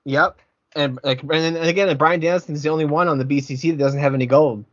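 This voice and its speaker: A man's voice: fairly high pitch, steady tone, fast talker, no room sound, highs cut off. A man hosting a casual wrestling podcast, rambling, repeating his words and getting heated. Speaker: podcast host.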